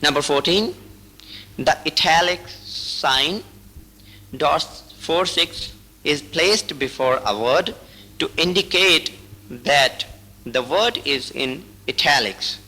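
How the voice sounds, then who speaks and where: A man reading out braille writing rules slowly and deliberately, in short broken phrases, like a teacher. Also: a little high, expressive, bright, forceful tone, low-quality recording. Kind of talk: slow instructional reading.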